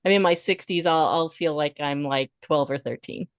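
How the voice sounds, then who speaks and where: Laughing chatty woman, low and dry. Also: moderate pace, clean tone, dry recording. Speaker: podcast co-host. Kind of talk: casual chat.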